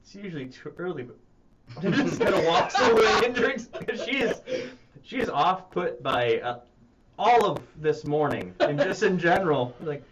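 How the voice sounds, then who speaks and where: A man's voice: a little high, expressive, moderate pace, a crowd in the background. A man running a tabletop game as game master, rambling and hesitant, often laughing. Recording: muffled stream audio with noise.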